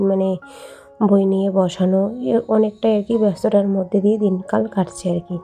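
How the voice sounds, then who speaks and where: Hoarse, hushed woman with gravelly voice. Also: medium pitch. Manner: speaking softly and hushed; chatty, rambling with fillers. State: hoarse from a cold. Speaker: vlogger. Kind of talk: late-night voice-over narration.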